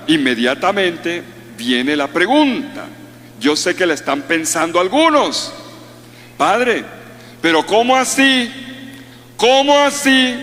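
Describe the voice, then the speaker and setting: A man's voice: on the high side, fairly bright tone. A man preaching a sermon as a priest, emphatic, repeating key phrases and drilling his listeners. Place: large hall at a conference. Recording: long hall reverb.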